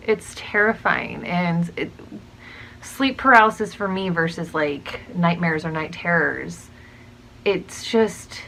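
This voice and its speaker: A young woman talking casually to her channel's viewers, musing out loud with many pauses and restarts. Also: fairly low pitch, gravelly, slight background noise, poor audio. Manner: musing, hesitant, frequent ums and restarts. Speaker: channel host. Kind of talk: casual talk to camera.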